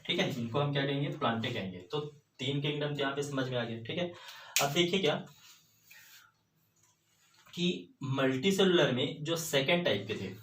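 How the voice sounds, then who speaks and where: A man's voice: medium pitch, fairly bright tone. A man teaching a biology lesson. He explains step by step, keeps checking in with "theek hai", and puts rhetorical questions to the class. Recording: roomy echo, distant mic, faint room noise.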